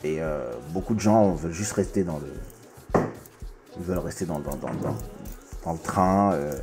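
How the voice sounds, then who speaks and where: A man's voice: low-pitched, a little slow. A man born in the Congo hosting a casual music interview, talking with many restarts and repeated words. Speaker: host.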